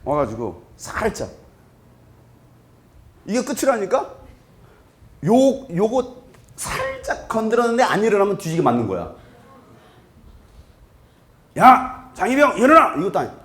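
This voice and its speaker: A man in his thirties, a pastor giving a lively sermon in a large church hall, joking with the congregation and breaking into shouts. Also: high-pitched, normal speed, long pauses. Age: 30s. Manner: joking, animated, bursts into shouts.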